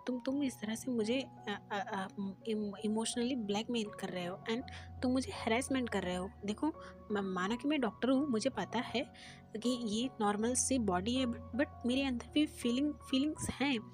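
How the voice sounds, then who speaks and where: A woman's voice: on the high side, moderate pace, darkish tone, soft background music, natural voice. A woman voicing a nervous young male doctor who stammers and pleads.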